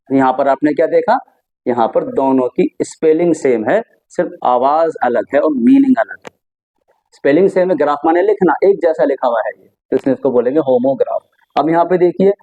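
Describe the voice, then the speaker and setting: Mellow-voiced male teacher explaining patiently. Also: medium pitch. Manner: explains patiently with rhetorical questions and many examples. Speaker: English teacher. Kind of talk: classroom lesson explaining vocabulary. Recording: slightly dull lo-fi recording.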